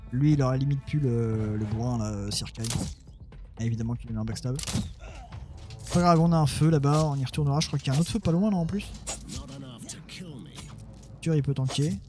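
A man chats his way through a turn-based strategy game, muttering orders at his units and poking fun at his own play. The tone is loose and offhand. Quiet game music plays beneath his voice. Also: mid-range voice, brisk, pauses often. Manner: muttering, self-mocking, talks to his units. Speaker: let's play gamer. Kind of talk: casual gameplay commentary.

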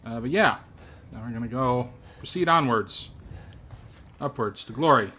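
A man's voice: medium pitch, lively intonation, normal speed. Foul-mouthed man grumbling over a game. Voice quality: swearing, grumbling, sudden shouts. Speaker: host. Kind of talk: profane gaming commentary.

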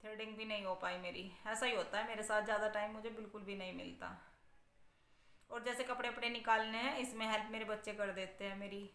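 A woman's voice: mid-range voice, fairly even intonation, fast talker, fairly bright tone. A woman from India, a mother of sons, chatting casually to her viewers in a home vlog and asking for their opinions. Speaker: family vlogger, mother of sons. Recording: echoey room.

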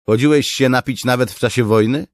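A man voicing a rowdy, teasing young soldier in an audiobook, pitched up and loud. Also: a little fast, dry recording, studio quality, lightly acted. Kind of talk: audiobook character reading.

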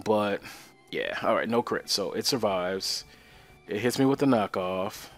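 A man's voice: lowish voice, a little slow, faint music behind. A young man casually commentating a video game he plays, joking and talking to his viewers. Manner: joking, chatty, talks to viewers. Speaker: let's play host.

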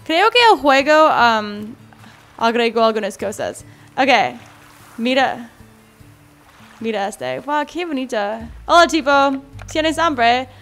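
Young woman, for relaxed gameplay commentary; high, animated delivery, talks to creatures, squeals when startled. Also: slow. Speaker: gaming video creator. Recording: faint background game music.

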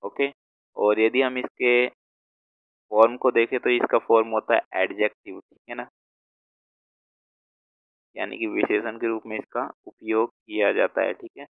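A man with a low, flat voice explains word meanings in a slow teaching manner, repeating each word as he writes it down. The sound is thin and phone-like, with a dry, close feel and clean diction. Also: vocal fry, dry recording. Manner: slow, repeats words while writing them out. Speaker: vocabulary teacher.

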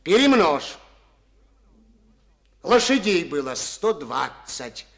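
In a studio radio play, a man heavily acts the part of a resentful, stubborn collective-farm chairman, speaking folksily and packing his lines with proverbs. His fairly high voice is sing-song, slow, creaky, a bit bright, and bitter in mood.

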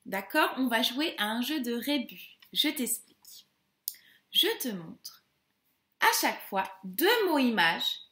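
Woman teacher, phonics lesson for small children, slow sing-song delivery, bright voice, echoey room. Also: on the high side, very animated.

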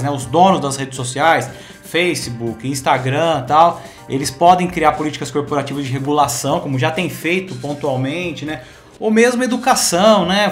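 A man in his forties with a slightly higher voice sets up the closing question in a measured way, speaking into a studio microphone. Faint music runs beneath him. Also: a bit bright. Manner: measured, frequent affirming interjections. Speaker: interviewer. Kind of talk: interview questions. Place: studio with acoustic foam panels. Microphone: studio condenser mic.

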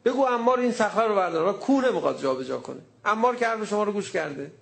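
A man's voice: a little high, big pitch swings, gravelly, full character voice. A man voicing a group of scornful men who taunt a prophet, mocking and challenging him.

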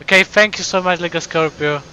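Male live streamer, casual chat, slightly high and bright tone, grateful and excited, stumbles and repeats words. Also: brisk, clear, resonant tone, rough recording. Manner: warm, thankful, excited.

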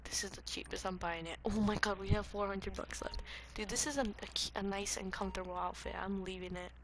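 Woman, casual gaming commentary, thinking out loud, cheap mic with clear background noise. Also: medium pitch, fairly even intonation, a little fast. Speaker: gaming video host. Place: bedroom, lying in bed. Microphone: cheap, poor-quality microphone. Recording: noisy cheap mic, breathing audible.

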